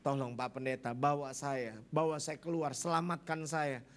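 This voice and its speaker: A repentant husband , as a preacher acts him out, weeps and begs for help. His voice is low and slow, heavy with tears. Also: fairly even intonation, lightly acted. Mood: pleading, tearful. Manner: slow, pleading. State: crying. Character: broken, weeping husband pleading for rescue.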